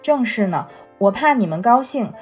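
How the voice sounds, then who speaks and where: A woman's voice: on the high side, expressive, moderate pace, darkish tone, soft background music, natural voice. Woman reading as a jovial old grandmother. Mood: indulgent. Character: elderly matriarch grandmother, indulgent and jovial.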